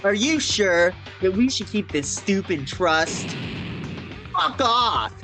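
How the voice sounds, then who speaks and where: A man voicing a hostile, cynical young student from an anime game in a loud, sneering, confrontational way. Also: high voice, lively intonation, measured pace, soft background music, voice pushed up. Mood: angry, sneering.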